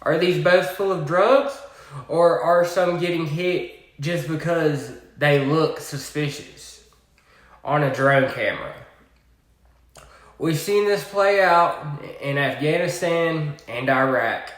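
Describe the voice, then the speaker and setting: A man with a Southern US accent giving a political commentary monologue, deliberate, with sarcastic asides. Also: on the high side, a bit bright, reverberant.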